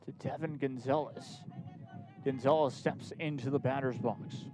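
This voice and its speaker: A man's voice: mid-range voice, fairly even intonation, measured pace, noisy background. A man calling live baseball play-by-play outdoors at the game, in short clipped phrases, often repeating the count. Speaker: play-by-play commentator.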